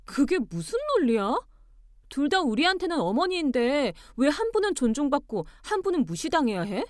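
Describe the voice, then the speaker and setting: A woman voicing a composed young wife who argues back calmly and pointedly. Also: high voice, moderate pace, no echo, clean studio sound, pitched above the performer's own voice. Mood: cool firm. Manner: calm, pointed, arguing with cool logic.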